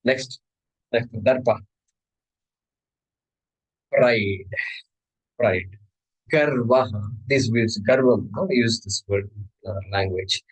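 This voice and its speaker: A man's voice: on the low side, slow pace, long pauses, husky, poor audio. A man with an Indian accent gives an explanatory scripture lecture as a teacher, repeating key words and checking in with his listeners. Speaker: teacher of a Sanskrit scripture class.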